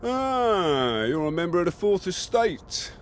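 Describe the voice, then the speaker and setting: A man's voice: high voice, very animated, takes it slowly, slight background noise, exaggerated voice. An actor playing a flustered, evasive British man guarding a laboratory in a video game, wordy, hesitant and falsely breezy. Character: flustered, evasive, officious male laboratory gatekeeper. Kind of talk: video game character dialogue.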